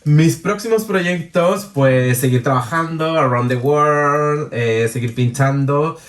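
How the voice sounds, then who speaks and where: A Chilean man speaking as an interview guest, chatting casually and lively, with many restarts and laughs. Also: fairly high pitch, slow, recorded from a distance. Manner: animated, many restarts and fillers, laughs easily. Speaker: interview guest, drag performer and DJ. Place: room with a jacuzzi.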